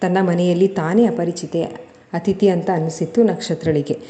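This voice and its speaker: A woman storyteller reading a scripted family drama serial in a steady, emotive way. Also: lowish voice, moderate pace.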